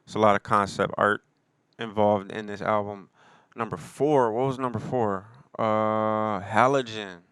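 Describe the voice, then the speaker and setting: Man, rapper-producer, laid-back slangy talk, very smooth lowish voice, dry close sound. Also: fairly even intonation, unhurried, a bit bright, dry recording. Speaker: rapper and producer talking about his album. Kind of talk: casual solo talk.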